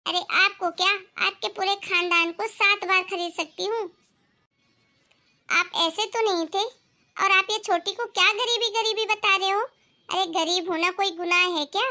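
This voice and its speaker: A woman's voice: very high-pitched, fairly even intonation, a little slow, pushed and bright, heavily acted. A woman voicing a proud young daughter-in-law from a rich family in a cartoon, speaking assertively. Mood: defiant. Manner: assertive, defiant.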